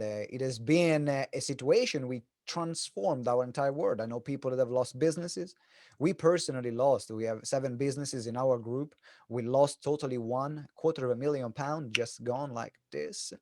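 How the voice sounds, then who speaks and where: An Italian business coach with an Italian accent gives an animated, informal talk at an online event, joking and telling stories to his audience. His mid-range voice is mellow, and the recording is dry and studio quality.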